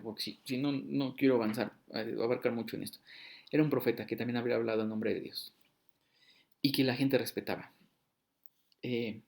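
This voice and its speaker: A man's voice: medium pitch, vocal fry. A man giving a casual Bible teaching sermon, talking conversationally and acting out short dialogues. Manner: conversational, acts out short dialogues with shifting voice and loudness. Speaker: preacher.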